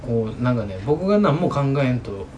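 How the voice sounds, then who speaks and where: Animated Kansai-accented man in casual chat. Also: medium pitch, a little fast, slight background noise. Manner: colloquial, emphatic, acts out snatches of dialogue.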